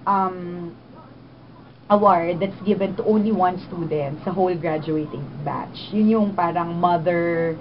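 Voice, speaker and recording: On a dull, noisy lo-fi recording, a twenty-something Filipino-accented woman speaks slowly at a fairly low pitch. As a radio DJ being interviewed, she shares her story animatedly, moving between Tagalog and English.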